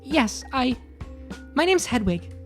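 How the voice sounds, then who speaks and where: A woman's voice: high-pitched, sing-song, slow pace, soft background music, pitched above the performer's own voice, heavily acted. A woman voicing an eager, bookish young nun who talks in an earnest, flustered ramble.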